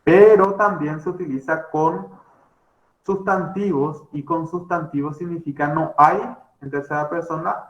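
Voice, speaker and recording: A man with a Paraguayan Spanish accent giving a grammar lecture, talking slowly with many fillers and self-corrections. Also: a little high, steady tone. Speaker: language teacher. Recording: roomy, slightly dull recording.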